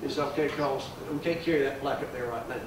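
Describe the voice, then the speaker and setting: A man's voice: mid-range voice, fairly even intonation, quick pace, far from the mic, heavy background noise. An older man, a judge giving a folksy memorial speech with many fillers. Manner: folksy, warm storytelling with fillers. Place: large room at a plaque dedication. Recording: echoey room, mic from afar.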